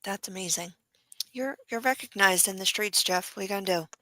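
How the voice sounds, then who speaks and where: A woman's voice: medium pitch, fairly quick, sharp tone, no room sound. A woman, chatting casually as an enthusiastic, supportive podcast co-host. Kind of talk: casual live podcast chat.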